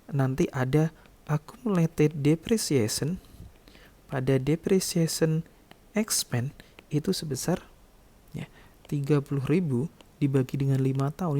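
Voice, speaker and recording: This accounting lecturer's voice is a little high, with vocal fry and a dark tone. He walks through the material step by step, instructing as he goes and frequently checking in with brief tag words.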